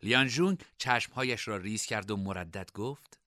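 A man narrating a scripted storybook in an expressive reading style. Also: lowish voice, no echo, studio quality.

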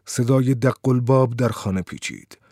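A man narrating an audiobook in a measured, steady storytelling manner. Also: medium pitch, dry recording, clean studio sound.

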